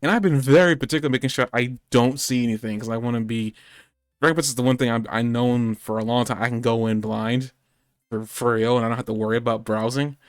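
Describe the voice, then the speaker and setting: A man's voice: mid-range voice, steady tone, quick pace, clean tone, no room sound, clean studio sound. A man hosting a live-streamed anime podcast, chatting casually and rambling off on tangents. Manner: rambling, meandering, self-correcting. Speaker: podcast host. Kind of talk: casual chat. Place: home streaming setup.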